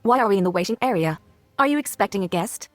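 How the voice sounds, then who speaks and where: A woman's voice: mid-range voice, expressive, fast talker, soft background music, close to an everyday voice. Woman reading as a cheerful old advisor. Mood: plain. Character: cheerful elderly male advisor.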